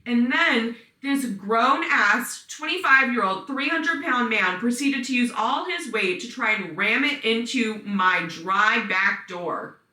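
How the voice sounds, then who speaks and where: A woman reads listener stories on her podcast in a loose, chatty story-time way, swearing freely and breaking off into her own asides. Her voice is bright and forward. The room rings around her, and she sits a little back from the mic. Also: fairly high pitch, animated, slow pace, hardly any pauses, recorded from a distance. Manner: profane, blunt, chatty asides. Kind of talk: casual story-time narration. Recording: roomy sound, voice set back from mic.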